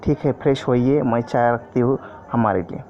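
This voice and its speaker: A man's voice: mid-range voice, moderate pace, close to an everyday voice. A man voicing a busy, tired young wife who pleads and coaxes her husband. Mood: coaxing. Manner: pleading, coaxing. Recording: dull lo-fi audio with faint noise.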